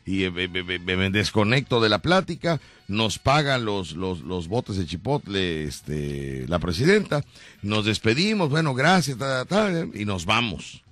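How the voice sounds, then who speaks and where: A man with a Mexican accent hosting a casual radio show, telling stories in an animated way and acting out the quotes. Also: on the low side, a little slow, no room sound. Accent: Mexican Spanish. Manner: animated storytelling, acts out quotes. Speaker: radio host.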